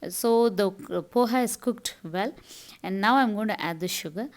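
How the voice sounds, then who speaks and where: Speaking at a normal pace and medium pitch, this home vlogger, a middle-aged woman from South India with a Tamil accent, walks viewers through her cooking and household chores one step at a time in a relaxed, explanatory way.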